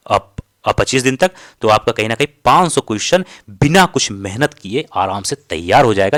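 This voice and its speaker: A man's voice: mid-range voice, fairly bright tone, dry recording, clean studio sound. Man giving a direct exam-prep lesson. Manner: direct, repeats key points, asks "ठीक है?" often. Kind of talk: study strategy lesson.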